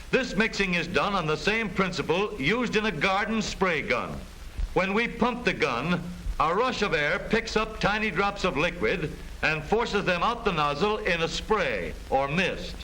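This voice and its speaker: Narrating as though for a 1930s educational film, this American man speaks high and with animated swings, using a sharp tone and formal emphasis. The vintage audio is poor, carrying light background noise.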